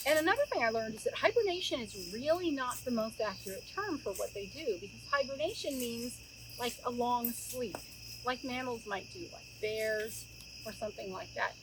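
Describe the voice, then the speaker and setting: Out in the woods beside a campfire, a middle-aged woman chats informally with young listeners during a story time, directly posing questions to them. Her voice sits on the high side. Crickets and other insects fill the outdoor ambience, clearly heard in the recording.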